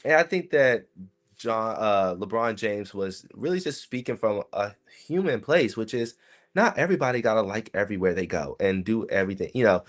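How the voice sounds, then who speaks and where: A young man from South Carolina hosts a solo podcast in a low, deep voice. He rambles casually and keeps turning to address his listeners directly. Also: normal speed. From South Carolina, USA. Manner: chatty, rambling, frequent asides to listeners. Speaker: podcast host.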